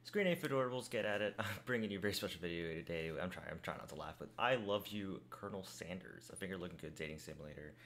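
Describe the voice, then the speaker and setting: A man's voice: low voice, lively intonation, very fast, few pauses, a bit bright. A man hosting a gaming video, chatting casually and jokingly while reading the game's text aloud with his own asides. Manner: jokey, reads game text aloud with asides. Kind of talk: casual let's-play commentary.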